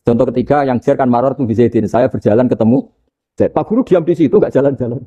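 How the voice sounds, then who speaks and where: A man with a Javanese accent giving a casual religious lecture, telling lively stories and chanting Arabic examples. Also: medium pitch, fast talker, muffled recording. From Indonesia. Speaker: Islamic preacher.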